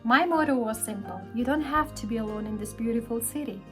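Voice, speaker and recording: A Pakistani woman, an English teacher who organizes a speaking club, narrates a vlog in a friendly storytelling manner. Her voice is a little high and a little fast, with soft music in the background.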